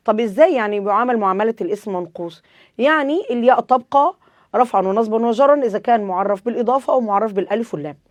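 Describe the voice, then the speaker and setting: A woman's voice: on the high side, no echo. A woman with an Egyptian accent teaching an Arabic grammar lesson, asking questions and answering them herself, repeating the rules.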